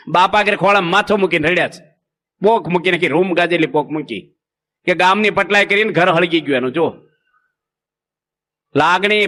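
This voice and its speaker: A monk delivering a folksy sermon, telling stories and asking the audience rhetorical questions. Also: male voice, high voice, sharp tone.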